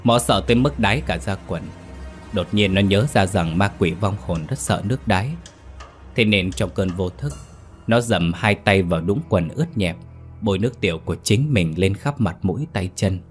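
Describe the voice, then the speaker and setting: A man narrating a scripted ghost story in a steady storytelling delivery. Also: sits low, normal speed. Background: faint music.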